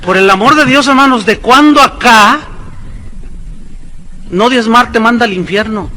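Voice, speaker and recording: Pastor guy preaching, high bright voice, bit sarcastic, faint noise behind. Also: low-quality recording. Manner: preaching with sarcastic asides and quick mimicking voices. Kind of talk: sermon.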